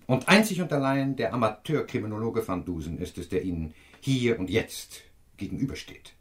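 Playing a self-assured, pompous professor who doubles as an amateur detective in a radio crime drama, this male actor lectures in a pedantic way. His voice is lowish and expressive, at a normal speed, and the acting is light.

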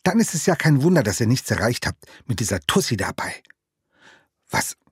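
A man voicing an angry little boy in an audiobook reading, shrill and accusing. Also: big pitch swings, moderate pace, slightly rough, dry recording, clean studio sound. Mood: scornful. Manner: shrieking, accusing. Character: furious small boy, shrill and spiteful.

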